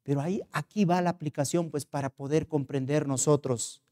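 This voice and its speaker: A man's voice: fairly high pitch, fairly even intonation, fairly quick, warm tone. A man with a Peruvian Spanish accent, preaching a sermon as pastor. He asks earnest rhetorical questions and tells stories.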